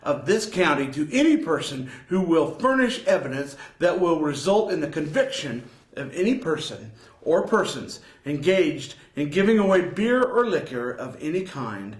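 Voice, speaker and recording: A man's voice: on the high side, big pitch swings, moderate pace. A man co-hosting a newspaper look-back segment, reading old headlines in a playful, mock-scandalized way. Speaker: co-host. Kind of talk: reading old news with banter. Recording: echoey room.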